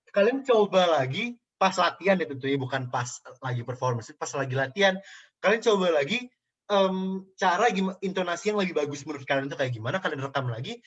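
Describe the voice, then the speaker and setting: Young male speaking coach, slightly high voice, laid-back slangy delivery with English asides, dull lo-fi recording. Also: fairly bright tone. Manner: casual slang, mixes English phrases in, frequent fillers. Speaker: public speaking teacher. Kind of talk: casual online class answering questions.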